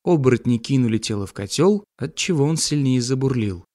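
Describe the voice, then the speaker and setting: A man narrating a comic fantasy audiobook in a wry, lively way. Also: mid-range voice, a little fast, dry recording, clean studio sound.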